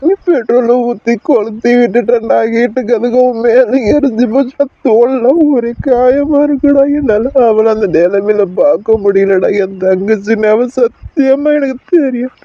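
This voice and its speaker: A man's voice: very high voice, moderate pace, hardly any pauses, no echo, muffled recording. A man voicing a distraught young man who begs his friend to save the sister he harmed, pleading through sobs. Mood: desperate sobbing. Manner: pleading, sobbing, desperate.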